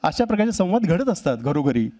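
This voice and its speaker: A man's voice: sits high, sing-song, fairly quick, mellow. Wry man giving a humorous talk. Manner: wry, storytelling. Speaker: cartoonist speaker. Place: live event stage.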